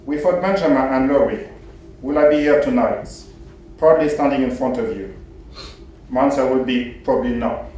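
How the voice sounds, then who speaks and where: A man from Cameroon, a former footballer, gives a measured, formal speech in a mellow voice. The hall rings with heavy echo, and he is heard at a distance with faint noise. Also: medium pitch. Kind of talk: prepared speech at an event. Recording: very echoey hall, distant mic.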